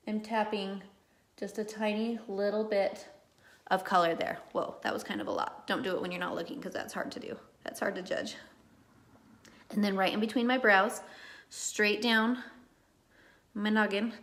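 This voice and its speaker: A woman who works as a makeup artist gives a live makeup tutorial in a chatty, reassuring way, wandering onto little tangents and murmuring soft asides under her breath. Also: medium pitch.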